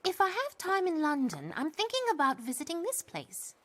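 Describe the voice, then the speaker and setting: An actress playing an eager, naive and ambitious young housemaid, excitable and pushy, in animated drama style. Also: female voice, high-pitched, normal speed, a little hiss or hum, exaggerated voice. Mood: breezy, confident. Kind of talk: animated drama dub acting.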